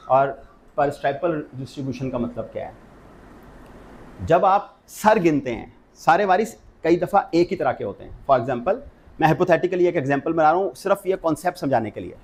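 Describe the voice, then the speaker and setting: A man's voice: fairly high pitch, animated, normal speed, darkish tone. Pakistani man lecturing on law. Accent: Pakistani Urdu. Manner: explains step by step, mixing English legal terms.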